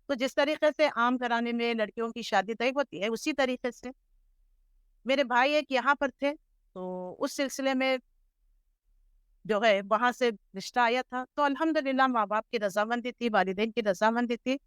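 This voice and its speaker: Middle-aged woman from Hyderabad, interview guest, earnest measured storyteller, smooth clear voice, dry close sound. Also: on the high side, fairly bright tone, dry recording. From Hyderabad, India. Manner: measured, earnest storytelling with English words mixed in. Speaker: interview guest, Islamic scholar. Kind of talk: reflective life-story interview.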